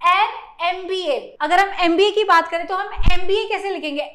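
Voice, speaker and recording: A woman's voice: very high voice, a bit bright. A woman with an Indian English accent teaching a grammar lesson, mixing Hindi and English and often checking with "ठीक है". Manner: spells out sounds slowly for emphasis. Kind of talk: classroom-style grammar lesson.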